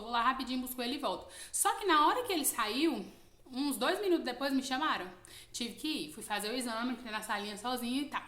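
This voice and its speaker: A young Brazilian woman with a Brazilian Portuguese accent telling a personal testimony casually, animated and full of fillers. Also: high-pitched, reverberant. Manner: animated retelling, quoting others, frequent fillers like "né". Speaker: YouTube channel host.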